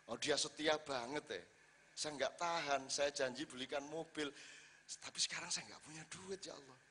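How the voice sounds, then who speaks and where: A preacher acts out a humble husband praying under his breath. He is soft, earnest and pleading, and his voice sinks quieter than his normal talk. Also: sits high, a little hiss or hum. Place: large hall at an evening religious gathering.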